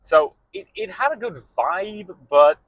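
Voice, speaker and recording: Relaxed man, rambling chat. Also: high voice, measured pace, no room sound, rough recording. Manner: relaxed, rambling with fillers like "um" and "you know". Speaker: podcast co-host. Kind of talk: casual chat.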